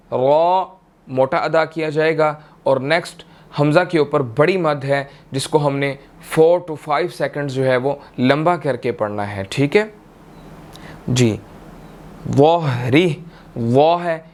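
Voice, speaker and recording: A man with a Pakistani Urdu accent teaching tajweed, chanting verses in long drawn-out tones and then explaining each rule briskly, often checking in with "theek hai". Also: on the high side. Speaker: Quran recitation teacher. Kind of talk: tajweed lesson, slow chanted recitation then quick explanation.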